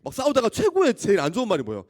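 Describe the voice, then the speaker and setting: A man preaching a sermon as a youth pastor to high school students, telling stories with lively exclamations and questions to the audience. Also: rapid-fire. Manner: animated storytelling, often asking the audience questions; acts out scenes with loud exclamations.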